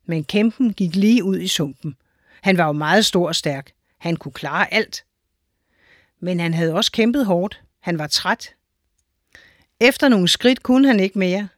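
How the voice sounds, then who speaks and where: A woman reading a children's story aloud in a clear, measured storytelling manner. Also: on the low side, no echo, studio quality. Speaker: narrator.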